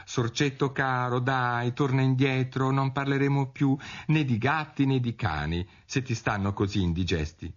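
A chatty, well-meaning young girl talks eagerly in a raised, lively voice, as a man puts her on. Her pitch bounces up and down as she chatters on. The storybook reading comes through a dull, muffled radio recording. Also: normal speed, breathy edge.

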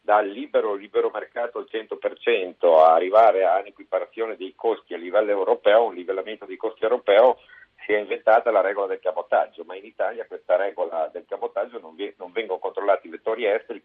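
A man speaking over a landline phone on a radio show, a trucking association president explaining a protest in a measured, hesitant way. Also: sits low, breathy edge, phone-quality sound. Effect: heard over a landline phone.

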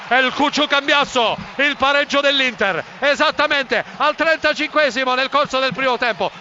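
A man calls a football match in a very high, excited voice. His delivery is wordy and dramatic, heard through a dull broadcast with clear background noise. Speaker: football radio commentator. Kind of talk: excited live match commentary.

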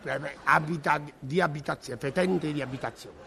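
An actor playing a muddled, dim-witted man in a comic double act, stammering, halting and garbling his words. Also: a little high, vocal fry, sharp tone, slight background noise. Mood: muddled, flustered. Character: muddled, dim-witted man proudly botching every word.

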